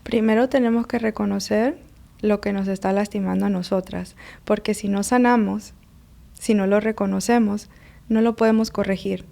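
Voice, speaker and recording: Her medium-pitched voice is warm, with vocal fry and fairly even intonation at a moderate pace. She's an adult mother and life coach speaking earnestly in a conversational interview about emotions and raising kids, telling personal stories and acting out quotes.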